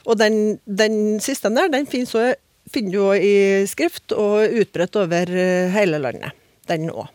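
A woman's voice: mid-range voice, darkish tone, dry recording. Woman, language expert on a radio panel, patient explainer, dry studio sound. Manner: patient, explaining with examples, frequent tag questions.

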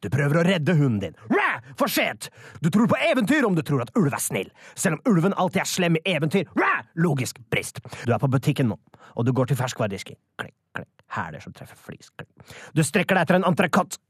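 Man doing a husky, overexcited small-town politician, high voice leaping wildly, roaring melodrama. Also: sing-song, dry recording, studio quality. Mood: frantic dramatic. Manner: wildly melodramatic, roaring animal noises and sound effects. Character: bumbling rural male politician, overzealous anti-wolf crusader. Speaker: local party leader. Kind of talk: comedy sketch, mock radio play.

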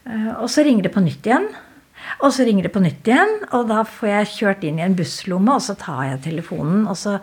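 A woman recalling events for a radio documentary, halting and full of fillers. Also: medium pitch, creaky, a little mellow, slightly rough. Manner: hesitant, halting, many fillers. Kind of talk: personal recollection in a radio documentary.

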